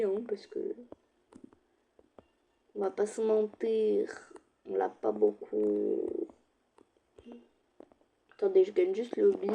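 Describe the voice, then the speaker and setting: A young woman chatting casually to her viewers while playing an online game, with quiet murmured asides. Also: medium pitch, slight background noise. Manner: chatty, addresses viewers directly, slips into soft asides. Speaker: gaming streamer. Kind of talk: casual let's-play commentary.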